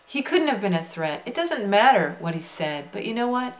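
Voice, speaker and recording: A woman's voice: mid-range voice, sing-song, moderate pace. A woman narrating a documentary in a pointed, critical manner.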